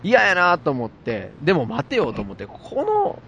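A man with a Kansai accent telling an animated anecdote in casual chat. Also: a little high, normal speed, vocal fry, slight background noise. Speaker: storyteller.

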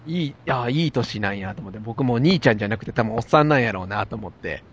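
A man with a Kansai accent telling an animated anecdote in casual chat. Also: medium pitch, fast, slight background noise. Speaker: storyteller.

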